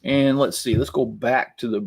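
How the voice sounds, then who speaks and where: A man's voice: mid-range voice, steady tone, normal speed, vocal fry, slight background noise. A man hosting a Lego vlog, chatting casually and a little sarcastically while he builds and weighs up new sets. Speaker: Lego channel host.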